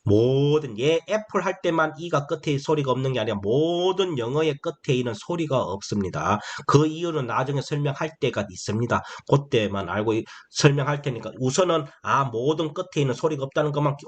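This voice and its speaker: A man teaching English phonics to beginners in a slow, explanatory way. He keeps asking questions and answering them himself, and he drags out the key phrases. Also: mid-range voice, expressive. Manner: repetitive, asks and answers his own questions; drawls key phrases slowly.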